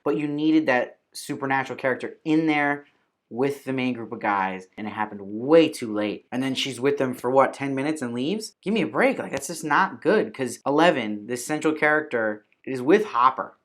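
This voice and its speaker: A man giving a casual spoken TV review, opinionated and conversational, dropping fillers like "kinda" and "like" and mimicking imagined viewers in quick asides. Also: medium pitch, a bit bright. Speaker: TV review host.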